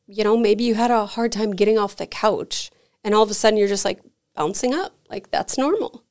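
Speaking fairly quickly in a mid-range voice, a woman who runs an energy healing center chats on a podcast. Her anecdotes are animated and casual, sprinkled heavily with "like."

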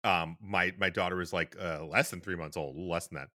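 A man's voice: sits low, fairly even intonation, fast talker, bright, forceful tone, dry recording, studio quality. A man co-hosting a podcast in casual chat, rambling with fillers and restarts. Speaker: podcast co-host.

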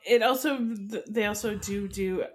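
A woman's voice: medium pitch, normal speed, breathy edge. A young woman from Canada co-hosting a podcast in casual chat, giggly and playful. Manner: chatty, giggly, playful with French words. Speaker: podcast co-host.

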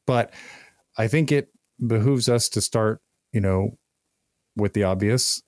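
A man's voice: on the low side, slow, dry recording, studio quality. A man hosting a podcast, introducing the episode and putting questions to a guest. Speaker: podcast co-host, interviewer.

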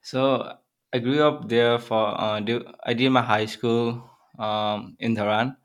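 A man's voice: medium pitch, fairly even intonation, slow pace, clean tone. A young man from Nepal with a Nepali accent, answering interview questions earnestly and searching for words. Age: young adult. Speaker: guest, filmmaker and student.

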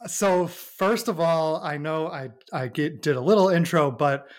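A man's voice: fairly high pitch, a little slow. A man hosting a podcast, introducing and questioning a guest in a friendly way, often laughing. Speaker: podcast host. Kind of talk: interviewing a guest.

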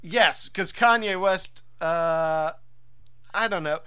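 Bright, high-ish man, dry close sound. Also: slow, clear, resonant tone, no echo. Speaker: podcast co-host. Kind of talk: casual comedic chat.

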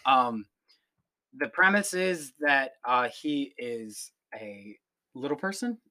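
A man's voice: mid-range voice, lively intonation, slow, pushed and bright. A man co-hosting a casual film review podcast, joking around and often repeating words as he goes. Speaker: podcast co-host.

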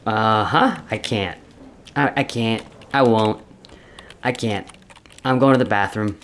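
A man's voice: fairly low pitch, slow pace, a bit bright, a little hiss or hum. A man playing a baffled coworker, drawling. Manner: awkward, stammering, laughing along. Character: baffled male coworker humoring a colleague.

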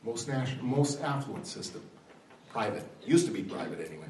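Speaking at normal speed in a medium-pitched, slightly mellow and expressive voice, a man addresses a live audience on politics with passion, firing rhetorical questions and mounting to emphatic peaks. A far-off mic in a spacious hall captures faint ambience and slight background noise.

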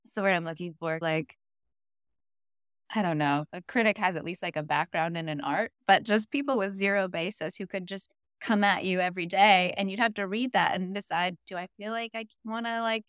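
Woman podcast host, kinda low voice, chatty and supportive, really dry recording. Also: normal speed, a bit bright, clear, resonant tone, no room sound. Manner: complimentary, supportive. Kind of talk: casual conversational interview.

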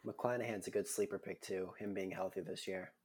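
Low voiced guy on a sports podcast, chill and low key. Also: steady tone, a little fast, a little mellow, husky. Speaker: podcast co-host. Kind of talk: casual sports chat.

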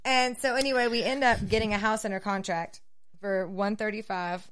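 A woman's voice: mid-range voice, moderate pace, clear, resonant tone. A woman realtor, co-hosting and telling client stories in a chatty way. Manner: chatty storyteller, animated when quoting clients. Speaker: realtor and co-host. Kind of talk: casual podcast chat.

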